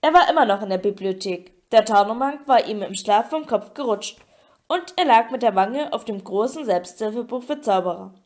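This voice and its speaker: A woman narrating an audiobook with a steady, expressive reading. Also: on the high side, moderate pace. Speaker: audiobook reader.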